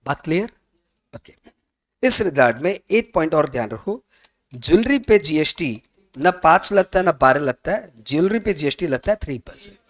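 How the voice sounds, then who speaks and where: A man's voice: fairly high pitch, expressive, moderate pace. Chatty man teaching a class. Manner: chatty, mixes Hindi and English, asks students questions; voices imagined student questions. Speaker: tax teacher. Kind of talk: classroom lecture.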